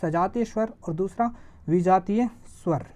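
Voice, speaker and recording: A woman teaching an exam-prep grammar lesson. She asks a question and answers it herself, and she draws vowel sounds out slowly to show them. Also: medium pitch, mellow. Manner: stretches vowels slowly when demonstrating sounds.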